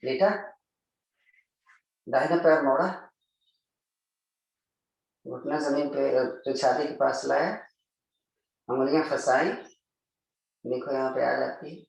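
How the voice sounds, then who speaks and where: A man's voice: mid-range voice, steady tone, slow pace, gravelly, long pauses. Yoga teacher guy walking the class through poses, voice a bit far from the mic. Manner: talks students through poses step by step. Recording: very echoey room, mic at a distance.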